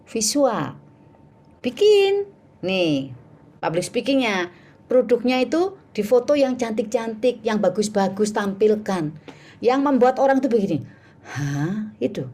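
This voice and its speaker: A woman's voice: a little high, normal speed. A woman teaching public speaking in an online workshop over a video call, acting out little sales dialogues as she goes. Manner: animated, acts out sales dialogues.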